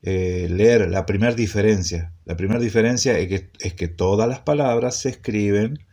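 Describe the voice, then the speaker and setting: A man teaching an introductory Hebrew class, speaking slowly and repeating points, often checking in with a questioning "¿sí?". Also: on the low side, darkish tone. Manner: slow, repetitive, checks in with frequent "¿sí?". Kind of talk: classroom lecture.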